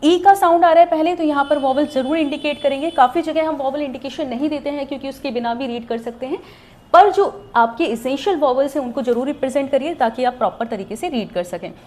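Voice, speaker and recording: A woman's voice: sits high, a little fast, darkish tone. A woman teaching a shorthand class online, explaining step by step and often checking that students follow. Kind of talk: online lesson.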